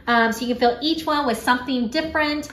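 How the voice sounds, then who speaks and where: Chatty high-voiced mom vlogger. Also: female voice, brisk, fairly bright tone, a little hiss or hum. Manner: chatty, filler-heavy, upbeat. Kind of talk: casual chat to camera. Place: home kitchen, indoors. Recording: echoey kitchen room.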